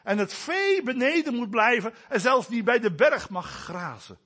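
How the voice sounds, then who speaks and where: A man preaching a sermon, swinging between soft, low asides and loud, raised declarations. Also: sing-song, normal speed, slightly rough.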